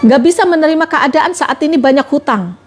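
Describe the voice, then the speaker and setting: Woman trainer, high voice, preachy live-stream advice, faint music underneath. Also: brisk. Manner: fires repeated rhetorical questions at listeners; addresses viewers directly, coaxing. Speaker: motivational trainer.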